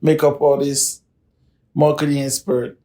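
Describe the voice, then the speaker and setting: A man putting on a teasing voice of his bubbly, know-it-all wife, with a sing-song, drawn-out delivery during casual podcast banter. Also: fairly high pitch, level tone, mellow, pitched above the performer's own voice, close to an everyday voice.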